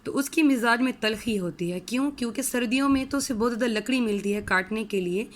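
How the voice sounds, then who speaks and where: A woman teacher explaining an English poem, reading each line slowly and then explaining it in Hindi, often asking the students a question and answering it herself. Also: mid-range voice. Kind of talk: recorded poetry lesson, line-by-line explanation.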